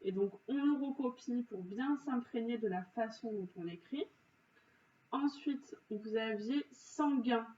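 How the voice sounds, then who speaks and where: A woman teacher corrects spelling exercises for pupils, explaining each answer slowly and patiently, with frequent pauses and lots of "donc" and "euh." Her voice is fairly high with a dark tone; the recording is dull, roomy, distant, with faint hiss.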